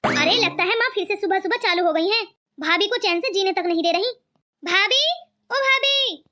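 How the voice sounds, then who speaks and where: This is a good-natured young man in a cartoon who argues kindly with his mother, with a woman doing the voice. The voice sits very high and sounds bright. He talks in an earnest, pleading way. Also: moderate pace. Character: kind cheerful young man, brother-in-law. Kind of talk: cartoon voice acting.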